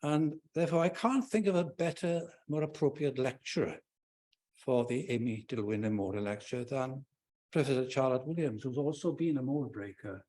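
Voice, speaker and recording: In a lecture hall, an older Welshman whose first language is Welsh delivers a formal public vote of thanks after a lecture, speaking earnestly and emphatically with dry asides. He has a Welsh accent and a mellow, mid-range voice at a moderate pace.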